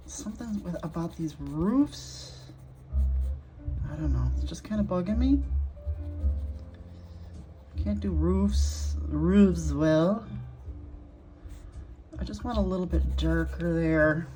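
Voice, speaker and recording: Slow, low-voiced woman painting and murmuring. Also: mellow. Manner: thinking aloud while painting, self-critical murmurs. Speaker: art channel host. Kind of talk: casual art demonstration vlog.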